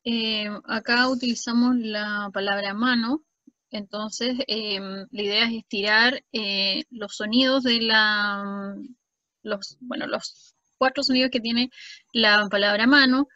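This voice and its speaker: A Chilean woman teacher explaining a reading strategy in a lively way, stretching out sounds. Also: on the high side, slow, no echo, dull audio. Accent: Chilean Spanish.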